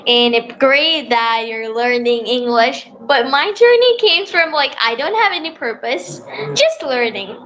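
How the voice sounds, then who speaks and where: A young speaker from Bangladesh, still in school, eagerly hosting an English conversation practice call. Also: female voice, sits high, animated, measured pace, fairly bright tone, muffled recording, a little hiss or hum. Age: child in sixth class. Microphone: online call.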